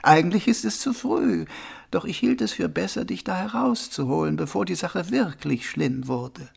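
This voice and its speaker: A man voicing a mysterious unseen male stranger who talks softly and ironically, in a husky, gravelly voice. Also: high-pitched, expressive, moderate pace, voice pushed up, exaggerated voice. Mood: knowing. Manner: soft, ironic, partly whispered.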